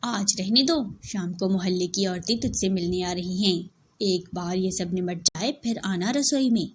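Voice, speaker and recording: A woman voicing a harsh, bossy elder sister-in-law who scolds and insults in a loud voice. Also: fairly low pitch, measured pace, a little hiss or hum, lightly acted. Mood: scolding.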